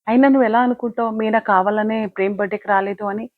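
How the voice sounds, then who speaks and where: A woman's voice: mid-range voice, fairly even intonation, racing, dry recording, lightly acted. A woman playing a lecturing older sister. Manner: lecturing, moralizing. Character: caring older sister scolding sister. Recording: dull lo-fi, dry.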